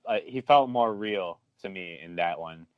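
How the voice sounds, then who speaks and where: A man's voice: deep voice, unhurried, no room sound. A man chatting as a guest on a film podcast, hesitant and stammering, full of restarts and jokes. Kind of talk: casual chat.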